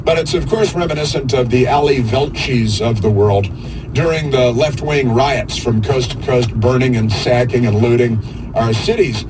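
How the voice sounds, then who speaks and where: Male radio host, political monologue, halting and rambling, sarcastic, mocking, clear background noise. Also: mid-range voice. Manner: halting, rambling delivery with drawn-out pauses. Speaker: radio talk show host.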